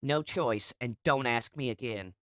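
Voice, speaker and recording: A man's voice: medium pitch, a little slow, a bit bright, no room sound, studio quality, voice pushed up, natural voice. A man voicing a determined female robot warrior leader, speaking urgently and giving commands. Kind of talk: comic dub narration.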